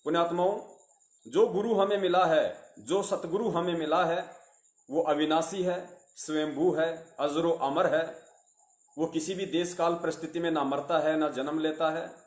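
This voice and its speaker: Male preacher, earnest repetitive delivery, fairly high voice, roomy echo. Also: measured pace. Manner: earnest, repetitive, addresses listeners as virtuous souls. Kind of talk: devotional sermon.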